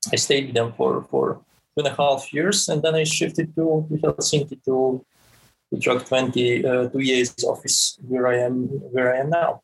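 Man in his forties, podcast guest, husky voice, stop-start delivery. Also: mid-range voice, level tone, normal speed, poor audio. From Serbia. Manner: frequent stammered restarts, repeating words. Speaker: guest, game creative director. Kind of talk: podcast interview.

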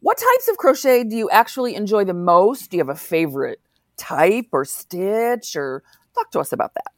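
A woman's voice: medium pitch, very animated, moderate pace, no room sound, clean studio sound. A woman co-hosting a podcast, asking the guest questions in a casual, playful way. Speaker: podcast co-host.

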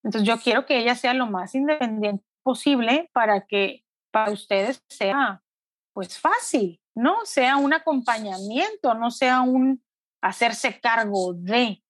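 Brief: middle-aged mother, interviewee, fairly high voice, dry close mic, earnest and reflective. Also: no room sound. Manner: reflective, earnest, often slows down. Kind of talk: emotional personal testimony.

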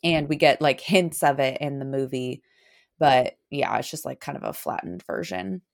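A woman's voice: extremely low pitch, moderate pace, creaky. A woman co-hosting a casual fan podcast, talking thoughtfully and hesitantly. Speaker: podcast co-host. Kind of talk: casual chat.

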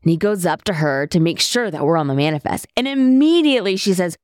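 A woman hosts her podcast from a bedroom at home, telling a travel story in a lively, swooping voice that laughs easily. The sound is close and dry. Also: lowish voice, quick pace, clean tone, no room sound. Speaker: podcast host.

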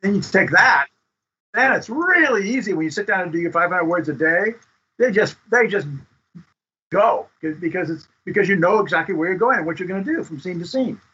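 A man giving advice as a script consultant guest in a casual interview, speaking haltingly and often repeating words. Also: sits high, animated, pushed and bright, breathy edge. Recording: dull lo-fi audio.

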